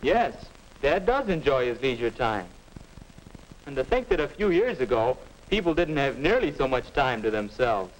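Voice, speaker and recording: A man's voice: mid-range voice, big pitch swings, normal speed, natural voice. A young male actor playing a restless, skeptical teenage boy, earnest and questioning, in a 1950s educational film. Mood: puzzled, curious. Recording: noisy 1950s film soundtrack.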